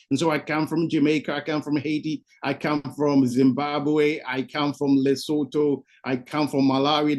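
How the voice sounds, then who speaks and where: A man's voice: mid-range voice, darkish tone. A man hosting an online information session, giving upbeat, repetitive updates and urging listeners as leaders over a video call. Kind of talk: motivational presentation to an online audience.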